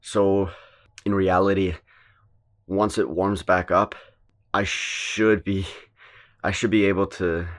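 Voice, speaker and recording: A young man talking casually to the camera as a fitness vlogger, in a relaxed and plain-spoken way, thinking aloud with small restarts. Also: low-pitched, takes it slowly, pauses often. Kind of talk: casual vlog talk to camera.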